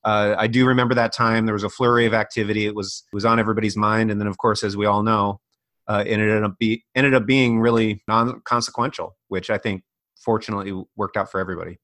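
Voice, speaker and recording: A middle-aged American man with a fairly low voice, recorded very dry. He speaks as an IT business owner being interviewed, explaining things in a conversational expert style. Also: level tone, fast, a bit bright, dry recording. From North Dakota, United States. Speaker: IT company owner, interview guest.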